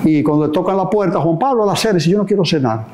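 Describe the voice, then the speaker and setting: An older man with a Dominican accent tells history in an interview, lively and theatrical, acting out dialogue as he goes. His voice sits slightly high, and a faint room noise stays under him on a lapel mic. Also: fast talker. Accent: Dominican Spanish. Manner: animated storyteller, acts out dialogue and gestures broadly. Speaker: guest historian. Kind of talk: storytelling interview answers. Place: indoor living room set.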